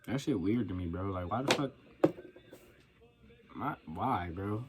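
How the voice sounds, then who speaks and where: A man's voice: sits low, animated, unhurried, over loud music. A young man telling a profane, slangy story about his coworkers in a casual rant. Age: young adult. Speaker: vlogger.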